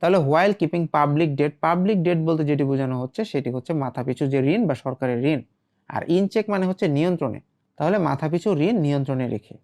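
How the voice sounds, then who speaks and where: Fast-talking male language teacher. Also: on the high side, lively intonation, warm tone. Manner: asks rhetorical questions and answers them himself; reads English phrases then glosses them. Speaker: English teacher. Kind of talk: explanatory language lesson.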